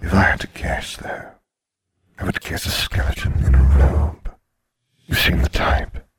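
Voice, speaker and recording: A man voicing Death, a polite skeleton in a robe, in a soft, breathy whisper with an unhurried, dry manner. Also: a bass voice, no room sound, heavily acted. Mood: calm, wry. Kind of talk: audiobook character voice.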